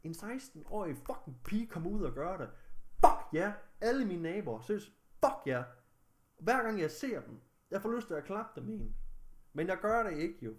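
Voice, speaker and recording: Young male vlogger, slightly high-pitched, agitated, swears heavily. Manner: agitated, angry, heavy swearing. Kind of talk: recounting a personal story to camera.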